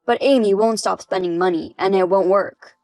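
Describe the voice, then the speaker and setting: A woman's voice: mid-range voice, normal speed, darkish tone, no echo, soft background music, close to an everyday voice. A woman's synthetic voice reading the lines of an indebted grown son who begs his mother for help. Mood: pleading. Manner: pleading, apologetic. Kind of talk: text-message story reading.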